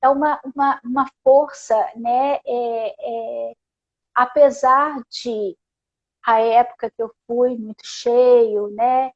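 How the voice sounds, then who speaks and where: A high-pitched woman takes her time, speaking gently and leaning on little questioning tags as she shares spiritual reflections. The audio is dull and lo-fi, as over a video call. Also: fairly even intonation. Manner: soft, unhurried, tags phrases with "né?". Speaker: guest therapist. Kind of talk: casual spiritual conversation.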